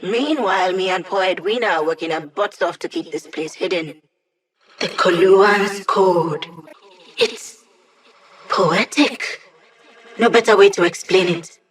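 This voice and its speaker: A woman's voice: on the low side, a little slow, long pauses, lightly acted. An actress playing a quirky young female hacker who lives inside computer networks, chatty, wry and techy, in a video game. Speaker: mission support character giving tips and updates.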